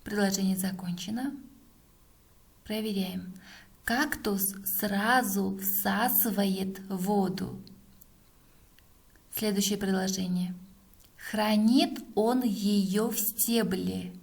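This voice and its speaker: A woman teacher is dictating a text for pupils to write down. Her delivery is extremely slow, set at a middle pitch for a woman. She breaks sentences into separate words with long pauses and repeats them. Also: steady tone, vocal fry.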